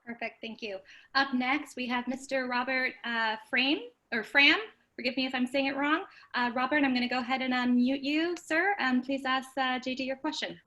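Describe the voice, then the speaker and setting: A woman's voice: sits high, steady tone, brisk, a bit bright. A woman moderating a video call, introducing the next questioner politely. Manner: polite, apologetic about names. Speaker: event moderator.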